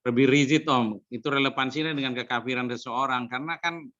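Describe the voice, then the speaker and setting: A man's voice: medium pitch, a little fast, fairly bright tone, lo-fi sound. A cleric raising a question in a discussion, hesitant and repeating his words.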